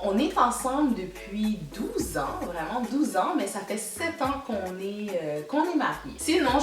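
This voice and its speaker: Québécois woman in her 30s chatting to camera, roomy echo, mic kinda far off. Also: mid-range voice. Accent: Québécois French. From Canada. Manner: warm, chatty, repeats words for emphasis. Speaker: vlogger. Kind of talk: casual chat to camera.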